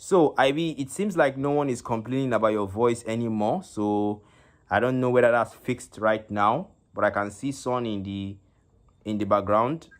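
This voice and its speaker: Male esports host for a live stream, mid-pitched, stop-start delivery full of fillers, on a phone mic. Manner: halting, with many fillers and repeated words. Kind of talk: live stream game commentary.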